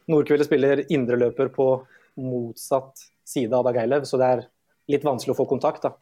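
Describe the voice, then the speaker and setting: A former footballer on a podcast, telling an anecdote in an easygoing way with filler sounds. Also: male voice, medium pitch, steady tone, mellow. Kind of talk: casual storytelling on a podcast.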